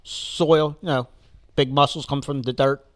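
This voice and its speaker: A man's voice: medium pitch, steady tone, a little slow, dry recording, studio quality. A middle-aged man, the host's father, joking playfully through family stories in a casual chat.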